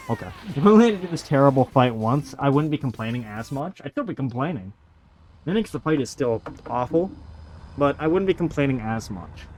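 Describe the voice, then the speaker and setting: A man's voice: medium pitch, a little mellow. A man hosting a let's play with casual, sarcastic, sweary commentary and plenty of complaints. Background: video game music.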